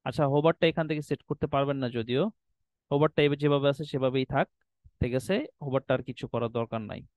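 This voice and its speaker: A man's voice: mid-range voice, fairly even intonation, fast, no echo, highs cut off. A man walking students through website design settings on screen, often checking in with "ঠিক আছে?" and mixing in English terms. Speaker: web design instructor. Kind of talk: screen-recorded tutorial walkthrough.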